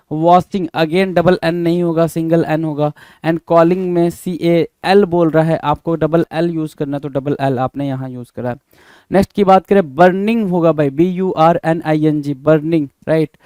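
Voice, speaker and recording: Brisk man spelling words. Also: a little high, warm tone, smooth, dry recording. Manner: brisk, repeats and spells words letter by letter, calls listeners bhai. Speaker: exam prep teacher. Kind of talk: spelling quiz walkthrough.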